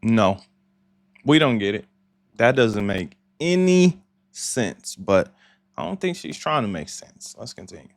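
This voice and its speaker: A man's voice: medium pitch, very animated, unhurried, gravelly, no room sound. Incredulous man reacting with scolding asides. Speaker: reaction channel host. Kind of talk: reaction commentary.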